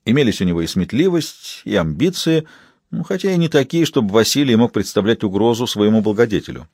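A man narrating an audiobook in steady, even storytelling, recorded on a close studio mic in a booth. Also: on the low side, fairly quick, dry recording. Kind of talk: scripted narration.

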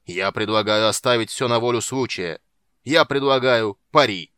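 A man voicing a stern bearded male gnome wizard who booms out commands in an audiobook. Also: fairly quick, smooth, dry recording, lightly acted. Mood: commanding. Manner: loud, booming commands.

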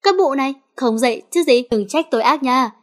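A woman's voice: high voice, fairly quick, natural voice. A woman voicing a cheeky teenage girl who plays pranks on her friends, teasing with feigned alarm.

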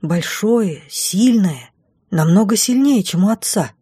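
A woman reading an audiobook, voicing a timid, earnest young boy prince who asks soft, hushed questions. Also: mid-range voice, animated, slow, breathy edge, dry recording, clean studio sound, heavily acted. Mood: awed.

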